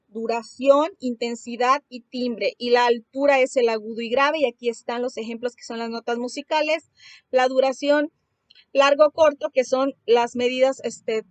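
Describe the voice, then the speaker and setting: A woman teacher explains a music lesson to her students online, in a clearly high voice. She talks through her material step by step, restarting her phrases and filling her pauses. The recording is close and dry, with no room sound. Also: no room sound. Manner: explanatory, many fillers and restarts.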